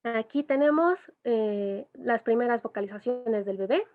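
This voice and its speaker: Woman psychologist, fairly high voice, patient explainer, thin phone-line audio. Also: unhurried. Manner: patient, explains with asides and imitated baby sounds. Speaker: educational psychologist. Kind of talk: explanatory online talk.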